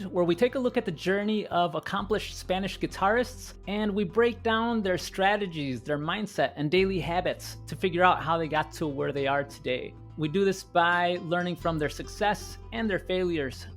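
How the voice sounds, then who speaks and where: A man's voice: high voice, normal speed, hardly any pauses, fairly bright tone. A man hosting a guitar podcast, giving a polished, upbeat introduction and asking interview questions. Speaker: podcast host.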